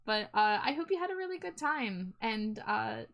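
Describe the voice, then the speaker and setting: A woman's voice: a little high, very animated, normal speed, vocal fry, a bit bright. A woman art streamer chatting casually to viewers on a livestream in a cute, friendly, appreciative manner.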